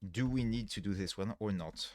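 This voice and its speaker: A man's voice: lowish voice, a little mellow, dry recording, studio quality. Tired-sounding man streaming on a headset mic. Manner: explains step by step, pausing and correcting himself mid-sentence. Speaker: livestreaming programmer. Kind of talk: thinking aloud while coding on a live stream. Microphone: livestream headset mic.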